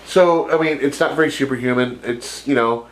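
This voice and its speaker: A man's voice: mid-range voice, normal speed, low-quality recording. A man co-hosting a podcast, retelling a film in a rambling casual chat full of fillers and jokey asides. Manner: laughs while talking, jokey impressions. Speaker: podcast co-host.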